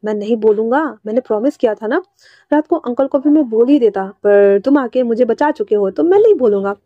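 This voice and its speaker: Woman reading an innocent, eager young man for a storybook, high-pitched and dry, lo-fi recording. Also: lively intonation, fairly quick, dark tone, no room sound. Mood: playful. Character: naive sweet young man, childlike and eager.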